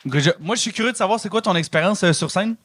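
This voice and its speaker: A man's voice: sits high, fast, noisy background. A man with a Quebec French accent hosting a comedy show, giving a comedian teasing, encouraging feedback.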